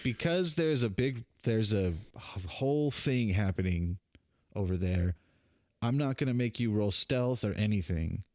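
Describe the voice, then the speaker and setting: Young male game master, low voice, dry close sound, rambling delivery. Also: expressive, measured pace, darkish tone, no echo. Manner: rambling, hesitant, lots of fillers. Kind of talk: narrating a tabletop game.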